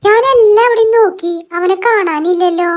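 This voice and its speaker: A woman's voice: very high-pitched, normal speed. A woman voicing a cheerful, caring little boy doll in a children's doll story, calling out eagerly and reassuring his friend.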